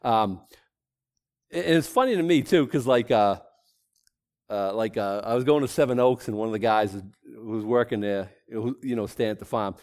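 Here the middle-aged pastor, Boston accent intact, sounds medium-pitched and somewhat dark, moving at a moderate pace. His Bible teaching is chatty and meandering, full of self-deprecation and false starts.

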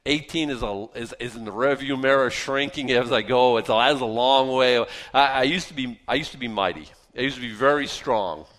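A man's voice: medium pitch, a little fast, hardly any pauses, a bit bright, rough recording. Folksy middle-aged man preaching conversationally. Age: 50s. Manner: folksy, joking asides and rhetorical questions he answers himself. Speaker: pastor preaching to a congregation. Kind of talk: conversational Bible-teaching sermon.

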